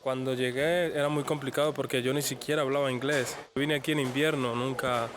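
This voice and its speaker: A young man with a Colombian accent, speaking earnestly and haltingly in a documentary interview. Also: medium pitch, fairly even intonation, noisy background. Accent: Colombian Spanish. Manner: halting, repeats words, earnest. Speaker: professional footballer.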